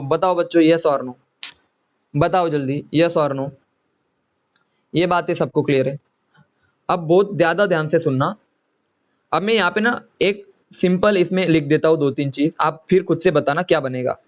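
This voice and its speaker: A man's voice: high-pitched, lo-fi sound. A man teaching a chemistry lecture to students, often repeating himself and coaxing them to answer. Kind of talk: classroom lecture.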